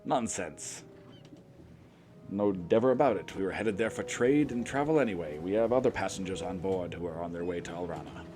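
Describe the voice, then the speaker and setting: A man's voice: low-pitched, fairly quick, music in the background, close to an everyday voice. A man doing a genial old sea captain. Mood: welcoming. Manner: welcoming and genial. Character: friendly older male ship captain, half-blind.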